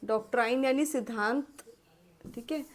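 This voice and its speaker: A female teacher with an Indian accent gives a vocabulary lesson in a mix of Hindi and English. She calls her students "beta" and dictates definitions slowly as she writes. Her voice sits fairly high, with a slight hiss or hum in the recording.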